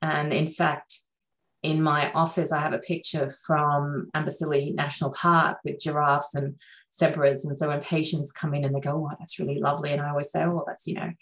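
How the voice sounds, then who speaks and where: A middle-aged woman from Sri Lanka, a surgeon, chatting reflectively with plenty of fillers in a relaxed interview. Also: low voice, a little fast, rough recording. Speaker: surgeon guest.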